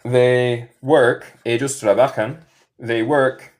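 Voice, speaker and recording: Male American teacher, live online class, slow careful delivery, switches between Spanish and English. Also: medium pitch, steady tone, a little mellow. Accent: American English speaking Spanish. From Michigan. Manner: slow deliberate drilling, mixing Spanish and English.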